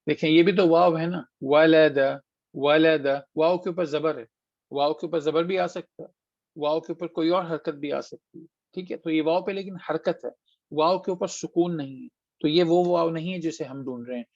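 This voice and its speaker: This online tajweed lesson features a man answering students with a voice on the high side, fairly even in intonation and darkish in tone. He patiently walks through Quran recitation step by step, demonstrating sounds and adding English phrases, over dull, dry call audio with no echo.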